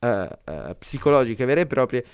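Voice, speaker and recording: A man's voice: mid-range voice, moderate pace, clean tone, no echo, dull audio. Male podcast co-host, casual film talk, joking, clean dry close-mic tone. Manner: animated, joking asides to listeners.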